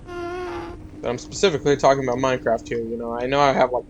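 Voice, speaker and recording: A man's voice: medium pitch, huge pitch swings, brisk, highs cut off, a crowd in the background. A young man giving casual, rambling gameplay commentary, muttering to himself and joking at his own expense. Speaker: gaming YouTuber.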